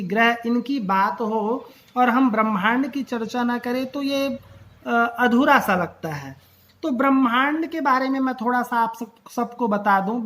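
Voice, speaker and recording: A woman with a somewhat high voice gives a patient astrology lesson. She works through each point step by step, often pausing in hesitation mid-sentence. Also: fairly bright tone. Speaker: astrology teacher. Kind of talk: explanatory lecture on astrology basics.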